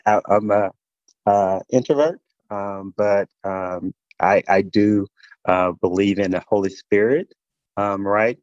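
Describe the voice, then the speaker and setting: A low-pitched man speaks with a Mississippi Southern drawl in a casual interview. He moves haltingly, often pausing and repeating words as he finds the thought. The recording is a little dull and roomy. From Mississippi, USA. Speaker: podcast guest, military senior leader.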